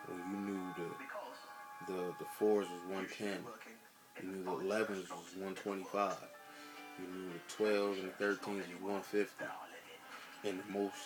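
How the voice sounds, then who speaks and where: A man's voice: low-pitched, low-quality recording. An American man in a casual rant to camera, blunt and emphatic, swearing heavily and repeating himself for emphasis. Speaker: sneaker vlogger.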